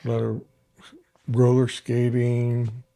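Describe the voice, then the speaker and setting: An older man, a therapist hosting a podcast, talking casually and haltingly, often repeating his words. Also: medium pitch, completely flat delivery, gravelly, warm tone. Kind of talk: casual conversation.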